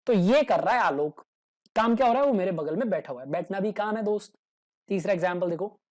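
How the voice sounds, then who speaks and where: A man teaching English grammar in a casual, joking way, acting out little everyday dialogues as examples. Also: high voice. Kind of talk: grammar lesson explained in Hindi with English examples.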